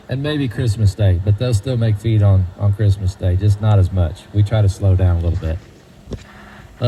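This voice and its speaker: A man's voice: lowish voice, a little mellow, slight background noise, low-quality recording. A man guiding a group through a feed mill, folksy and quizzing the crowd. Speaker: tour guide at a feed mill. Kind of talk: guided tour talk to a group.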